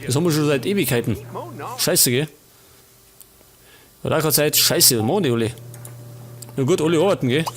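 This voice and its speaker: A man's voice: on the high side, fairly quick, pauses often. Chatty Bavarian man narrating gameplay. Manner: chatty, grumbling asides to the game characters. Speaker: let's play host. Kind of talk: casual gameplay commentary.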